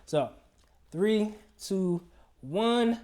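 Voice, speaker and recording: A man's voice: high voice, expressive, very slow, a little mellow. A man hosting a casual interview in a recording studio, asking easygoing, loose questions. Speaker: interview host.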